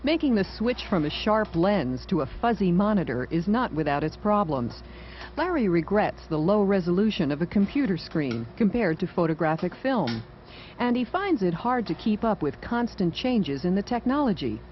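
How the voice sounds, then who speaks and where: A woman's voice: mid-range voice, sing-song, normal speed. A woman reporter reading scripted feature narration. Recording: dull, noisy vintage TV audio.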